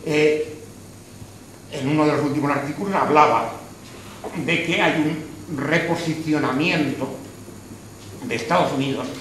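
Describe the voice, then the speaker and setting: A man's voice: mid-range voice, a bit bright. Man speaking far off in an echoey hall. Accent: Spanish from Spain. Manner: hesitant, with restarts, opinionated. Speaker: speaker at a public discussion. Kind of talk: debate after a film screening. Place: hall of a social club. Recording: echoey room, far from the mic, noisy.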